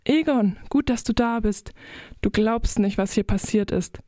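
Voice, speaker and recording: A woman voicing an excitable female crab who is quickly upset, in a children's audio story. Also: a little high, dry recording, clean studio sound, natural voice. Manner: bright, emotional, quick to despair.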